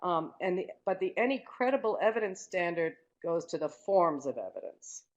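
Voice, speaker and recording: A woman lecturing in a low voice, heard through a dull, lo-fi call connection that keeps breaking up. She talks into a headset mic and explains things methodically, step by step, as a webinar presenter. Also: expressive, moderate pace. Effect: audio breaking up over an online call. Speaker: legal trainer presenting a webinar. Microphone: headset microphone.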